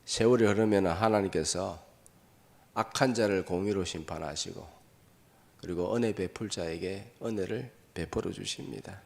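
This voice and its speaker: A pastor preaching a sermon in a church with a dramatic delivery. He acts out quoted voices in sudden loud bursts and throws short questions back to the congregation. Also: low-pitched, vocal fry. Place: church sanctuary.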